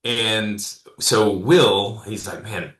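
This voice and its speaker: A man's voice: on the low side, steady tone, drawn-out words, fairly bright tone, roomy sound. A man, a consultant and speaker, telling stories in a casual interview, rambling with many fillers and restarts.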